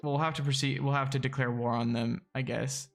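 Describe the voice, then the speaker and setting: A man's voice: mid-range voice, level tone, fairly quick, gravelly, soft background music. A man casually chatting while playing a strategy game on a live stream, easygoing and hesitant, with plenty of ums and chuckles.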